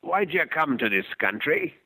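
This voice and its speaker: A man voicing a gruff old homeless Canadian man with a raspy, smoker's voice, speaking in blunt, curt questions. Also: fairly high pitch, big pitch swings, a little slow, bright, forceful tone, voice pushed up, full character voice, low-quality recording.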